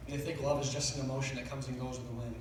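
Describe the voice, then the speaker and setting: A middle-aged man delivers a eulogy in a tender, halting voice of middling pitch, faltering over his phrases. The recording is very echoey and picked up from a distance in a large room, with faint noise underneath. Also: level tone. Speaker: son giving a eulogy. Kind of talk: personal funeral speech, partly read from notes. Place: large reverberant indoor room.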